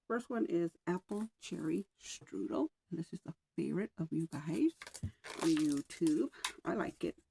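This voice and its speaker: A woman vlogger chatting casually at home, rambling a little with sighs and soft asides, slightly out of breath. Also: on the low side, expressive, moderate pace, gravelly, slight background noise, rough recording. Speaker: wax melt vlogger. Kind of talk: casual chat. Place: home room with oil diffuser.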